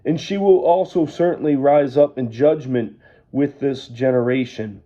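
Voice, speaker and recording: A man leading an evening Bible study, reading scripture aloud and then explaining it in a measured way. He says he is losing his voice. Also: medium pitch, mellow, lo-fi sound.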